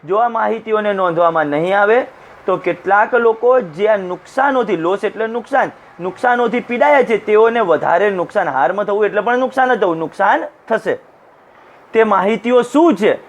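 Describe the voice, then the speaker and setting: A male teacher with a high-pitched voice talks through a lesson text. He translates each phrase as he goes and acts out short bits of dialogue. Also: normal speed. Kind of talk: classroom lecture explaining an English text. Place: recorded for an online class.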